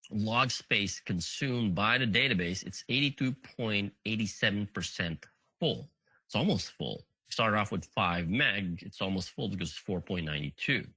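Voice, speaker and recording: A man's voice: lowish voice, bright, forceful tone, no room sound, low-quality recording. A man presenting a technical session, talking through a live demo, counting items on screen and thinking aloud with frequent fillers. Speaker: conference presenter.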